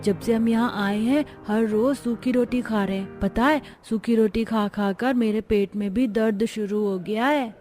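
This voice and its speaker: Woman voicing a sad hungry little girl in a cartoon, high soft voice, pleading. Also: a little slow, few pauses, faint music behind, lightly acted. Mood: wistful. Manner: soft, plaintive. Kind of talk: cartoon voice acting.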